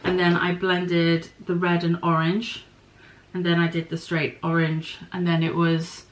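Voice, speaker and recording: This podcast host speaks at a measured pace in a low-ish, monotone voice, and the audio quality is poor. A middle-aged woman, she chats informally about her knitting and spinning, thinking out loud and apologising for little mistakes.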